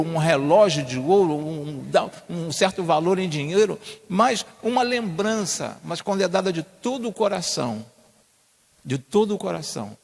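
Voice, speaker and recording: Male pastor, sermon, slightly high voice, emphatic repeats, reverberant church hall. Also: vocal fry. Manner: repeats key phrases, rises to emphatic peaks.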